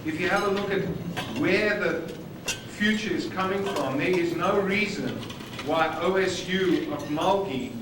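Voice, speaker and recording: Speaking unhurriedly in a high voice, a South African man delivers a conference talk with emphatic stress on key words. The old videotape captures him from far off in a large, echoey hall, with dining noise making the background noisy.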